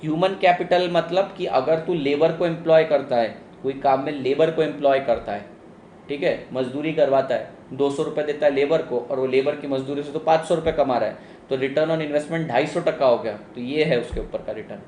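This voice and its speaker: An economics teacher gives a casual live online exam-prep lecture, mixing English terms into his explanations and addressing students as "beta." His voice is slightly high for a man, with a darkish tone and a normal pace. The room is large and echoey, with faint ambience and a bit of hiss or hum.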